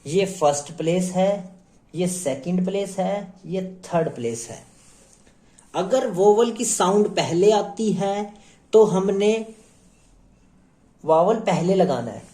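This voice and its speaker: Haryanvi guy teaching shorthand, super slow, repeats stuff a lot, mellow voice, echoey room. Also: high voice. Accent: Haryanvi Hindi. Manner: slow, repetitive explaining with many pauses. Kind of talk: classroom lesson explaining strokes on a board.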